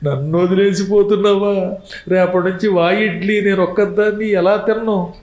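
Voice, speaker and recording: A man's voice: sits high, steady tone, normal speed, darkish tone, echoey room, natural voice. A man voicing a grieving wife who laments her dying husband in a raised, wailing voice during a devotional discourse. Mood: lamenting. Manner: wailing, pleading.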